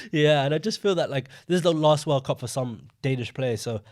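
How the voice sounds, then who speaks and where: A young man co-hosting a podcast, chatting casually about football and telling rambling, animated stories. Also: on the high side, normal speed. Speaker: podcast co-host.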